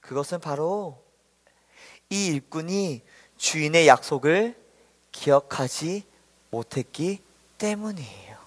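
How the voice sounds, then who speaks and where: A man gives a children's sermon, telling a Bible story gently and stopping often to ask the young listeners questions. His voice is fairly high for a man, and a long reverb trails after each phrase in a large hall. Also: lively intonation, slow, pauses often.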